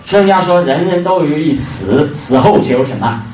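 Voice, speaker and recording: A man's voice: fairly high pitch, lively intonation, normal speed, darkish tone. A man delivers an evangelistic sermon, leaning hard on his points and repeating key lines. His voice rings through a reverberant church hall, picked up from some distance away, with faint noise underneath. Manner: emphatic, repeats key phrases, fillers between points. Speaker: preacher.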